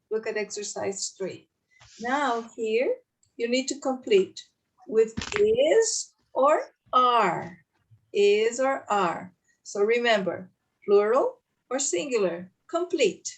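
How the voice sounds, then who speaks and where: A woman teaching an English class, drilling pronunciation and correcting students slowly and clearly. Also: a little high, distant mic. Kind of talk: online English lesson.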